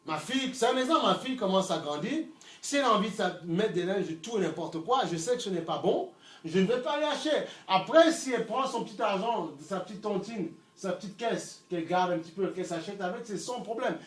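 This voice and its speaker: A middle-aged man preaching a sermon, swinging from loud shouts to low murmurs and repeating words as he searches for them. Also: lively intonation, a little fast. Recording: echoey room, mic from far off, faint ambience.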